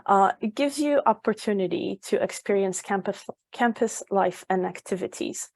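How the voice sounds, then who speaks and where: A woman's voice: medium pitch, vocal fry, a little mellow, dry recording. A young woman from Poland giving a webinar as an education advisor, informative and full of ums and uhs. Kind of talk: webinar presentation.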